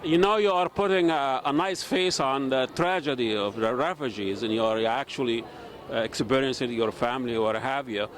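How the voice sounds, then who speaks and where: A man interviewing protesters outdoors, hesitant and filling pauses with "uh". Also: mid-range voice. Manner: hesitant, many filler sounds. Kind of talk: street interview. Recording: street noise behind.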